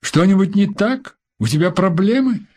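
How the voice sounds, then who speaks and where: A man's voice: high voice, expressive, normal speed, a little mellow, voice pushed up. A man doing a cheerful young husband, raised voice. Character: caring young husband on a trip.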